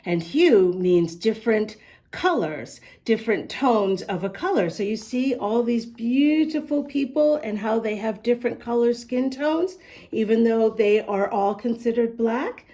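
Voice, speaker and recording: A storytime host reads a picture book aloud to young children, her voice a little high and unhurried. She's expressive and often turns to the kids directly with questions.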